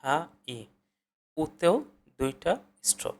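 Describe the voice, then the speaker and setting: A man's voice: medium pitch, slow pace. A man with a Bangladeshi Bengali accent, teaching in a screen-share tutorial and explaining step by step while repeating syllables aloud. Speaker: language tutor.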